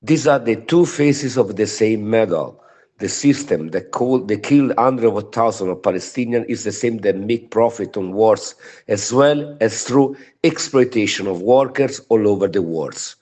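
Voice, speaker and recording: A man's voice: fairly low pitch, animated, normal speed, a little mellow. A man from Italy with an Italian accent, a native Italian speaker, giving a prepared trade union statement in broken English. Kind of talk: prepared political solidarity statement.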